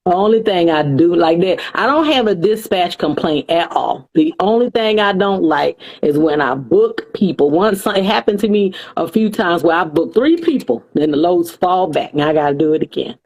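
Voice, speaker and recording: A woman's voice: fairly low pitch, moderate pace, few pauses. A woman, a dispatcher guest chatting on a podcast and acting out her calls with brokers. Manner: animated, acts out broker calls. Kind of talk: podcast interview chat.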